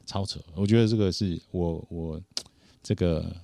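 A man casually telling a personal story on a podcast, animated and acting out the people he quotes. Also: low voice, normal speed, creaky, dry recording. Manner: animated, acts out quoted voices.

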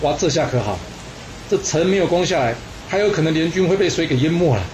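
A man's voice: fairly high pitch, expressive, fast talker, a little mellow, a little hiss or hum. A man telling a historical war story dramatically, with exclamations and rhetorical questions.

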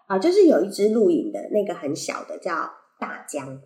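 A woman's voice: fairly low pitch, huge pitch swings, fairly quick, dark tone. A woman with a Taiwanese Mandarin accent and slightly unclear articulation from wearing braces, hosting a casual solo podcast in a rambling, playful, self-correcting way. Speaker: podcast host. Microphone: compact condenser microphone plugged into a phone. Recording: roomy, echoey sound on a compact microphone.

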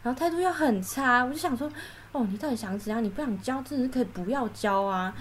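Animated young woman telling work stories. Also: on the high side, quick pace, slight background noise. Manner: animated storytelling, acts out coworkers' lines. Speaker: guest. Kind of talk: casual podcast chat.

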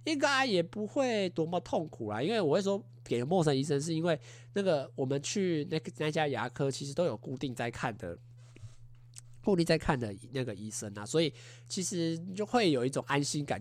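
A man in his twenties hosting a podcast, telling a story in a casual, animated way and acting out what people said with little sound effects. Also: medium pitch. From Taiwan. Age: 20s. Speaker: podcast host.

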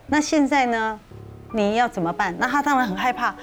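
A woman, co-hosting a podcast and telling a ghost story in an animated, conversational way. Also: a little high, a little fast, faint music behind. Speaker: podcast co-host.

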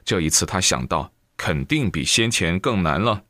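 A man reading a Buddhist book aloud in lively storytelling style, with exclamations. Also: sits low, normal speed, no room sound, studio quality. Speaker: reader.

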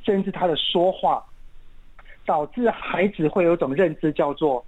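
Taiwanese-accented man, parenting expert guest, steady and earnest, slightly muffled recording. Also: fairly high pitch, normal speed, slight background noise. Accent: Taiwanese Mandarin. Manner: calm, earnest explaining with everyday examples. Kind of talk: casual podcast interview. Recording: muffled lo-fi sound.

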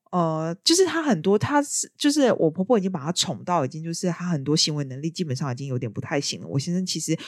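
A woman chatting casually as a podcast host, telling her stories in a lively way. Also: on the low side, no room sound, clean studio sound. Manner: lively storyteller. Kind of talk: casual chat.

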